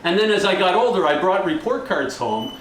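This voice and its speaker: A man's voice: high-pitched, sing-song, brisk, fairly bright tone. A man doing a comic magic act for a live audience, with the jokey, showy patter of a kids party magician. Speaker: stage magician. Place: live show in an echoey room. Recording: echoey, noisy room, far from mic.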